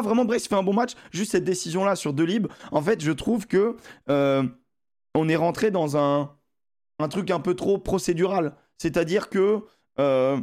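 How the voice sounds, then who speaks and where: Animated man arguing sports calls. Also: fairly high pitch. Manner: animated, argumentative, swears freely. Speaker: podcast host. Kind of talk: casual sports debate.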